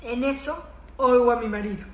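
Middle-aged woman, Mexican accent, high-pitched, animated and salty storyteller; echoey room. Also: moderate pace, slight background noise. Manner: animated, swearing, laughs through her words. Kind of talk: comic anecdote.

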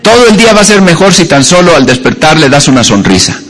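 A man's voice: on the high side, big pitch swings, fast talker, fairly bright tone. A male pastor preaching a sermon, telling homely stories and jokes with many hesitations and fillers.

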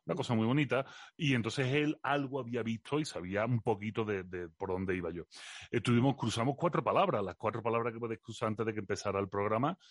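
A man in his forties with an Andalusian Spanish accent, a guest telling stories in a radio interview in a relaxed, colloquial way. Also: on the low side, quick pace, no echo, clean studio sound. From Andalusia, Spain. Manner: relaxed, expansive, colloquial with swearing. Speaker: guest, philosophy communicator.

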